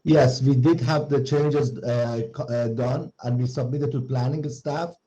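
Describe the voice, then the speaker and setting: A man's voice: mid-range voice, fairly even intonation, a little slow, dark tone. Man on a muddy, echoing phone line. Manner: repeatedly checks whether he can be heard. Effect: muddy speakerphone line with echo. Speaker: applicant calling in to a council hearing. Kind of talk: formal but halting call-in remarks.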